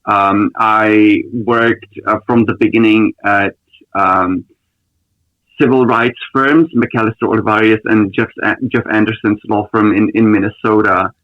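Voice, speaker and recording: A man from the Republic, a lawyer answering interview questions in a thoughtful, measured way with frequent ums. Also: on the low side, fairly even intonation, no echo, muffled recording. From Czech Republic. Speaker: lawyer guest.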